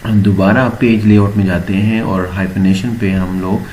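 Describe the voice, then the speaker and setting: A man explaining a word processor step by step in a screen-recorded tutorial, pausing often with filler sounds. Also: lowish voice, a little hiss or hum. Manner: steady explaining with frequent filler pauses. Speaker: computer teacher.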